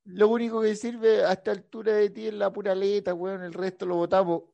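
A man's voice: sits high, little pitch movement, a little fast, vocal fry, dark tone, dry recording, lo-fi sound. A Chilean man trading profane, teasing insults in crude comic banter with a co-host.

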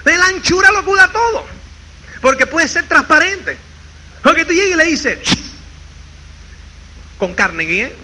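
Male seminar speaker with a very high, bright voice, animated and swinging in pitch, live recording with faint noise. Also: measured pace, long pauses, poor audio. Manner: animated, keeps asking "¿me entiendes?"; acts out quoted people in shifting voices. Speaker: motivational speaker. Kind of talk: seminar talk to an audience.

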